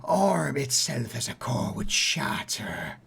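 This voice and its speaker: Guy doing a creepy old coroner for a tabletop game, dry clinical drone, halting, breathy and creaky. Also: medium pitch, big pitch swings, a bit bright, slight background noise, exaggerated voice. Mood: cold, measured. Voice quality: breathy, whispery. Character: old slow sinister coroner, keeper of lantern lore.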